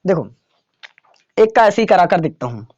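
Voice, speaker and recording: High-voiced man teaching maths in class. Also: sing-song, normal speed, darkish tone, highs cut off. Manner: casual, keeps checking that students follow.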